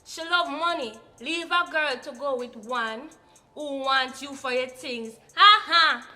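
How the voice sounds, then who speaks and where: A woman's voice: high-pitched, measured pace, pushed and bright, faint music behind. A woman with a Jamaican accent reading out comments in casual banter and answering them with sassy sarcasm. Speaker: co-host of a YouTube reaction video.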